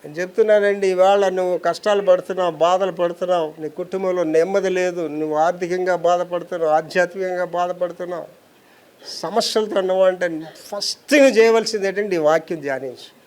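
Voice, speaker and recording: A man's voice: sits high, fairly even intonation, brisk, a little mellow. Older man preaching an emphatic sermon. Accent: Telugu. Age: 70s. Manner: emphatic preaching, rhetorical questions to the congregation. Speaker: pastor.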